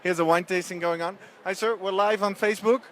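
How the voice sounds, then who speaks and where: A man's voice: sits high, fairly even intonation, brisk, fairly bright tone, a little hiss or hum. Chatty man reporting live from a trade show. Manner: chatty, upbeat, stumbles and restarts. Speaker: event reporter. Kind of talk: live roving show-floor interviews. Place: busy trade show floor.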